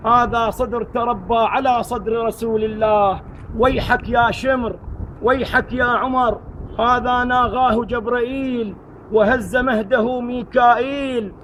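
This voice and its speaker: A man's voice: extremely high pitch, steady tone, unhurried, fairly bright tone, a little hiss or hum, poor audio. A man voicing a grieving noble woman who pleads over her brother, crying out her lament from inside a moving vehicle. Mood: pleading.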